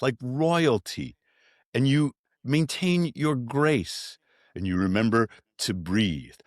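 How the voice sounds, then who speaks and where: A man with a medium-pitched voice, recorded in clean studio quality with no room sound, tells stories in a podcast interview about founding his ice bath company. He's an animated storyteller who performs the voices of the people he quotes.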